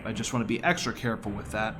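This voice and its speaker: Over quiet game audio, a man with a fairly low voice races through casual, enthusiastic live commentary on his own video game speedrun, chatting conversationally as he plays.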